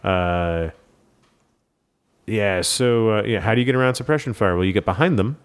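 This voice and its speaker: A man co-hosting a podcast, chatting casually and analytically about a tabletop game, with frequent "uh" pauses. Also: lowish voice, clean tone. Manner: enthusiastic, analytical, many "uh" pauses. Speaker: podcast co-host.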